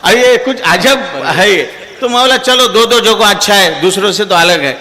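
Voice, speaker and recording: A man's voice: high-pitched, normal speed, sharp tone. A middle-aged man on stage at a live poetry evening, telling comic stories and acting out the characters in his jokes. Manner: chatty, punchline-driven, acts out the characters in his jokes. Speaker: stand-up comic poet at a mushaira. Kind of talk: live humorous storytelling on stage. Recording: echoey hall, live stage PA.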